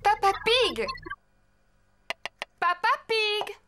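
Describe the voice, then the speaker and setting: A woman's voice: extremely high pitch, sing-song, extremely slow, background noise, heavily acted. Une femme qui joue une maman cochon gentille mais ferme dans un dessin animé. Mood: flustered. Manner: motherly, firm. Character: Maman Pig, kind but firm mother pig. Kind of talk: French cartoon dubbing.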